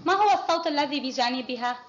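High-voiced woman teaching kindergarten phonics. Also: animated, quick pace. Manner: patient, praising, quizzing pupils one by one. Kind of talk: classroom phonics lesson. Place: classroom. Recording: muffled lo-fi with faint noise.

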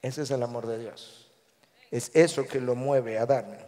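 A male pastor with a Guatemalan Spanish accent preaching a sermon in a large church, animated, acting out the voices he quotes. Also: mid-range voice, a little slow. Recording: long echo of a large church hall.

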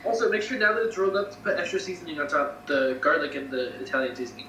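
A man's voice: fairly high pitch, steady tone, racing, bright, forceful tone, recorded from a distance. A young American man answering questions casually and hesitantly, with lots of ums. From United States. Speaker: guest. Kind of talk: casual interview chat. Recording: echoey room, off-mic, faint noise.

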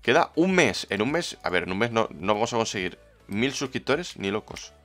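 A man's voice: on the low side, sing-song, normal speed, a bit bright, soft background music. A man with a Spain Spanish accent streaming a game, chatting casually and greeting viewers from the chat by name. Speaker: livestreamer. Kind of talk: casual livestream chat, reading the chat.

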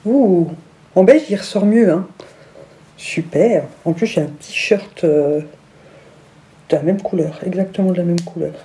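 A woman's voice: lowish voice, unhurried, pauses often, warm tone. A woman vlogger chatting casually through a haul review, gushing with enthusiasm over each item.

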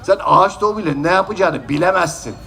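A man's voice: high-pitched, quick pace, creaky, a bit bright. A man voicing a grumpy, exasperated bearded man in a shadow puppet show, scolding the child.

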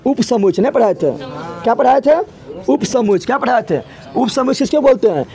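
A man teaches a math class in a classroom. His voice sits very high, and he keeps asking the same question twice and stretches out slow counting for his students. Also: animated, warm tone. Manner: drills students with repeated questions, drawn-out counting. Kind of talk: classroom lesson with call-and-response questions.

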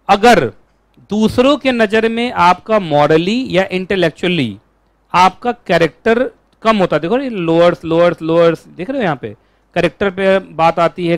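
Lively high-voiced male law teacher. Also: no room sound. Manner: animated, asks the class constant questions. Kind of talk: classroom lecture.

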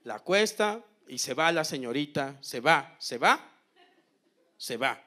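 Guy doing standup, slow drawn-out delivery, deadpan with loud bursts, kinda high voice. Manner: deadpan storytelling with repeated phrases and sudden loud bursts. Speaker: stand-up comedian. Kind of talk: stand-up comedy routine. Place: comedy stage.

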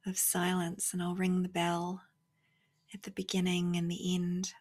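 Here a woman conducts a spiritual meditation, talking gently and thoughtfully in short bursts broken by long silences, at times barely above a whisper. Her voice is lowish and slightly rough, and she speaks in a monotone.

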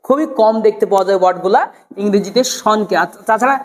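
A woman teaching an English pronunciation class, drilling words slowly and repeating each one, asking the viewer questions as she goes. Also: mid-range voice, darkish tone, big-room sound. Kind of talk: spoken English lesson.

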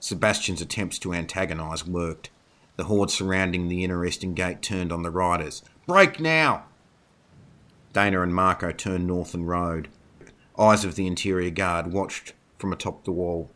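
Deep-voiced male storyteller. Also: little pitch movement, normal speed, a bit bright. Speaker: narrator. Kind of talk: scripted narration.

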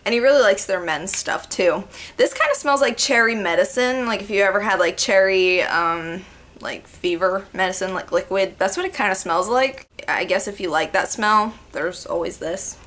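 Bright-voiced chatty young woman. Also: medium pitch, moderate pace. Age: young adult. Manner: chatty, rambling, lots of "like" and "yeah". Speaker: beauty vlogger. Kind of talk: casual haul vlog. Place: small bedroom indoors. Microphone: webcam in front of her.

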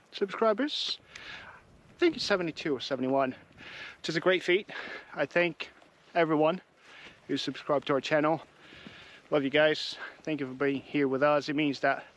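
A man's voice: on the high side, fairly bright tone, low-quality recording. A man with an English accent chatting casually to camera while hiking outdoors on hilly trails. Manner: chatty, friendly, talks while walking uphill. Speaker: hiking vlogger. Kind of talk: casual walking vlog chat to camera. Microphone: camera mic while walking.

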